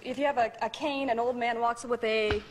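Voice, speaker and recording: A woman on a game show, giving clues in a brisk, chatty way. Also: on the high side, fairly even intonation. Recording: very noisy 1980s TV broadcast.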